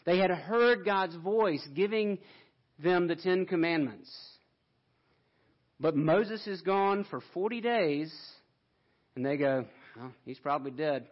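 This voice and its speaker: A man's voice: high-pitched, slow pace, long pauses, lo-fi sound. A man preaching a sermon in a conversational way, with asides to the congregation and frequent restarts. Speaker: pastor.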